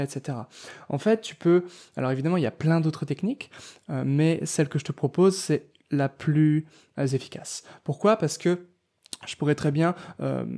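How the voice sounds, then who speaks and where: A man's voice: a little high, mellow. A man giving a casual spoken lesson on writing poetry, talking straight to the viewer with many fillers and restarts. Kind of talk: casual spoken tutorial to camera.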